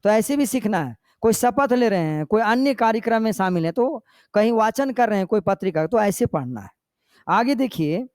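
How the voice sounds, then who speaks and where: An older male teacher giving an exam-prep lecture. He often checks that the class understands and dictates notes slowly. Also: sits high, no room sound, clean studio sound. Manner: checks understanding with repeated questions; demonstrates slow, paused recitation.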